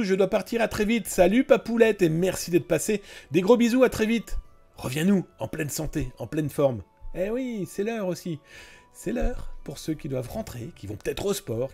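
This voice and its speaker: A man's voice: on the high side, vocal fry, warm tone. A man hosting a live-stream cybersecurity news show, chatting casually and talking straight to his viewers. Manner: chatty, addresses viewers directly, many fillers and asides.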